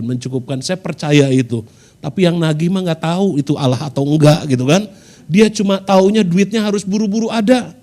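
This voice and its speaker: Brief: middle-aged Indonesian male preacher, high voice, storytelling testimony to the congregation. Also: a little mellow. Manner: storytelling, addresses congregation directly, mixes in quoted dialogue. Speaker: guest preacher. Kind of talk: sermon testimony.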